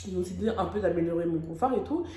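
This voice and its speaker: A woman's voice: on the low side, lively intonation, racing, warm tone. Young woman telling a dramatic story. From France. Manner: emotional, dramatic storytelling with slang. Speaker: vlogger. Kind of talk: storytime vlog. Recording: echoey room.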